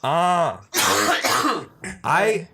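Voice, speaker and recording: A man's voice: on the high side, sing-song, very noisy. Laid-back male podcast guest. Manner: laid-back, drawn-out fillers. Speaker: podcast guest, record label partner. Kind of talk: casual chat.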